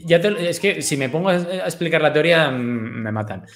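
A man's voice: on the high side, animated, a little fast, loud music behind the voice. A man with a Spain Spanish accent, chatting as a guest and spinning rambling, casually profane anecdotes. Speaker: guest commentator. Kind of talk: casual chat.

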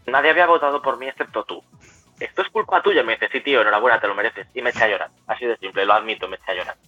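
A man's voice: lowish voice, very fast, sharp tone, no echo, lo-fi sound, soft background music. A young man, telling stories as a guest in a casual chat, with frequent restarts and self-corrections. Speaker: guest cosplayer. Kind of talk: casual storytelling.

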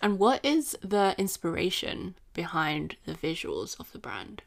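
A woman hosts a casual podcast interview, cheering her guest on and quick to agree. Her voice sits a little low for a woman. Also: very animated, gravelly. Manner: enthusiastic, affirming, laughs often. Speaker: podcast host.

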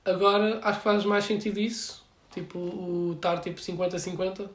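A man's voice: sits high, flat delivery, brisk, a bit bright, reverberant. A young man with a European Portuguese accent chatting casually in a rambling, slangy way full of filler words. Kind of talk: casual chat.

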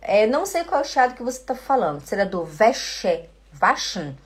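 A woman from Belém, Brazil, with a Belém Portuguese accent, teaching German in a live-streamed lesson, slowly drilling words for her learners and greeting viewers by name. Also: on the high side, sing-song. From Belém do Pará, Brazil.

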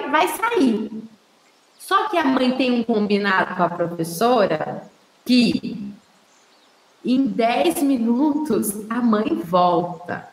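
A woman with a Brazilian Portuguese accent giving casual, chatty advice to parents, often checking in with her listeners. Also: a little high. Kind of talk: casual explanatory advice talk. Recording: roomy echo.

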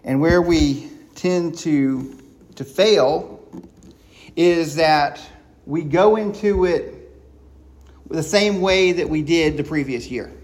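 A man preaching a sermon, excited and quick, with frequent restarts and repeated words. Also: on the high side. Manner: excited, talking fast with many restarts.

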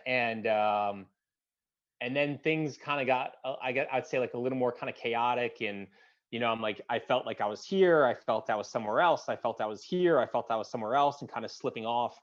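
Man, thirties, interview guest, halting and full of restarts, middle-pitched voice, dull lo-fi sound. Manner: halting, many restarts and fillers, drops to a quiet tone at emotional points. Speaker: guest, combat-wounded veteran. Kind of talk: conversational interview storytelling.

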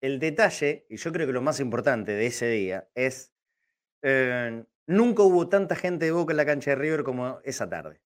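An Argentine man giving animated, emphatic football talk as a pundit, repeating words to drive his points home. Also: medium pitch, moderate pace. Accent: Argentine Spanish.

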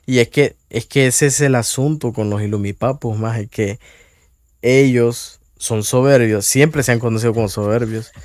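A man's voice: medium pitch, steady tone, moderate pace, a little mellow, no echo. A man co-hosting a podcast, chatting casually about a film with blunt, dismissive remarks. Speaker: podcast co-host.

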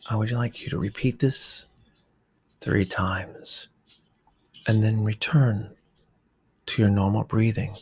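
Slow, hushed, breathy man guiding meditation. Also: lowish voice, steady tone. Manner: slow, soft, often whispered instructions. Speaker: meditation guide. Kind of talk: guided meditation.

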